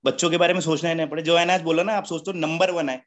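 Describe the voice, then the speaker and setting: Brief: a male motivational speaker with a fairly high voice, addressing a business meeting in a chatty, joking way and leaning on rhetorical questions. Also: steady tone, very fast. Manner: rhetorical questions with a constant "है ना?" tag; chatty, joking, laughs at his own points. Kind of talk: motivational seminar talk.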